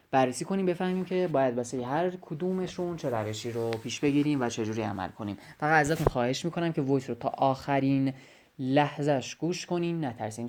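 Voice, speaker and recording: A young man who tutors biology explains a lesson step by step over a voice message, using a medium-pitched, darkish voice. He repeats important phrases and talks directly to the students.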